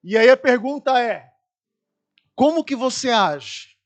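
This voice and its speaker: Brazilian pastor, very high male voice, animated storyteller who acts out scenes from the pulpit. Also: slow pace. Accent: Brazilian Portuguese. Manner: lively anecdotes, acts out screaming people. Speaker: preacher. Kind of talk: storytelling sermon.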